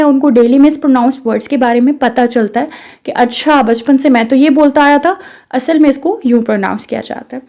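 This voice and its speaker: Pakistani woman teacher pitching her english course, high voice, mellow tone, lots of rhetorical questions. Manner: explains step by step, with rhetorical questions and English mixed in. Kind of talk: promotional course explainer.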